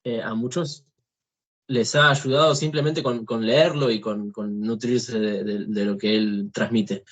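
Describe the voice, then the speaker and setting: A man's voice: lowish voice, steady tone, unhurried. A man in a casual conversation who talks hesitantly, restarting his phrases often. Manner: hesitant, many restarts and fillers.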